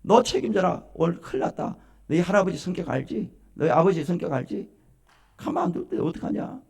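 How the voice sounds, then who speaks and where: Brief: male preacher playing a shrill, high, older mother-in-law in a sermon anecdote. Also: big pitch swings, brisk, gravelly, a little mellow, breathy edge, heavily acted. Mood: alarmed. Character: older woman, a mother-in-law, quick to scold.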